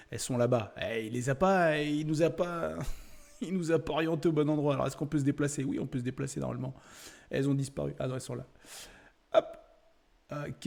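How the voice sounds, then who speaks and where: A man's voice: on the high side, gravelly, darkish tone. A young man giving chatty, laughing commentary while browsing a website, thinking aloud with lots of fillers. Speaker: YouTuber exploring a website. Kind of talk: casual screen-share commentary.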